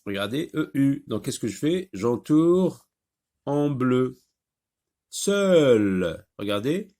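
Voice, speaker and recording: A man teaching a French phonics lesson, saying each word slowly and repeating it with patience. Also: medium pitch, big pitch swings, dark tone. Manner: slow, patient, repeats words clearly.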